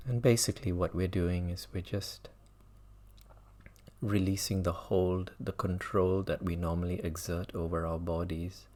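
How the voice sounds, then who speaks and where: A male meditation teacher leads a guided mindfulness session, speaking gently and leaving long pauses between phrases. His voice is low-pitched with little pitch movement.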